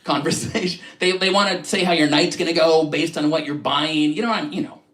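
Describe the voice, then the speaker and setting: A man's voice: a little high, a bit bright. Self-deprecating middle-aged male comic, echoey room. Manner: self-deprecating, acts out shoppers and clerks in quick asides. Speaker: stand-up comedian. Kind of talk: stand-up set on a live stream.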